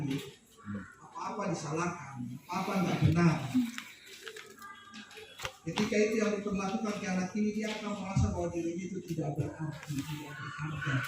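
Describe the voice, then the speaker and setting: A woman giving a seminar talk to parents, lively and often acting out what parents and children say. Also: mid-range voice. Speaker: seminar speaker on personality test results. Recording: very echoey hall, far from mic, music behind. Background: background music.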